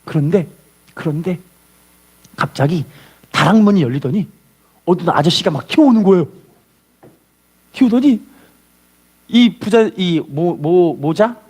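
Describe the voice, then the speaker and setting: A man preaching a sermon as a pastor, telling a story with lively call-and-response. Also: high-pitched, measured pace, pauses often, husky.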